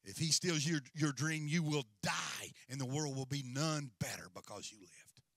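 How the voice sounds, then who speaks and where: A man's voice: a little high, normal speed, gravelly, fairly bright tone, no echo. A middle-aged man preaching a sermon as senior pastor on a large church stage, with a handheld mic and a repetitive, rising and falling cadence.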